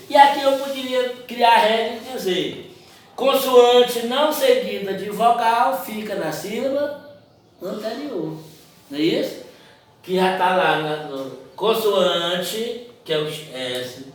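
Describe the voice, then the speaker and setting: A man teaching a grammar lesson, explaining step by step and asking the class rhetorical questions. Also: sits high. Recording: very echoey room from far off.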